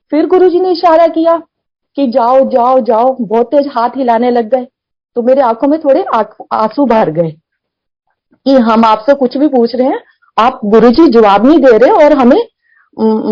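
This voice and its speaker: Earnest middle-aged woman, dull lo-fi sound. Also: a little high. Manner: earnest, emotional retelling with quoted dialogue. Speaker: devotee sharing testimony. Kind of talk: personal testimony storytelling.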